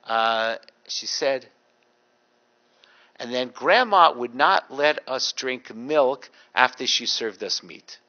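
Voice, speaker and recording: With the high frequencies cut off, we hear a middle-aged rabbi's mid-range voice as he gives a public talk. He tells dry, humorous stories and animatedly impersonates the people who appear in them.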